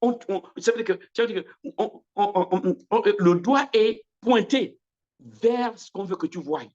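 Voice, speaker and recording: A male preacher delivering a sermon with fervor, lifting his voice high and loud for emphasis and then dropping it low. He circles back over the same phrases and trips into quick restarts as he drives a point home. The sound is slightly dull, like a church broadcast. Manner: impassioned preaching with big swings in pitch and loudness; repeats phrases and restarts words.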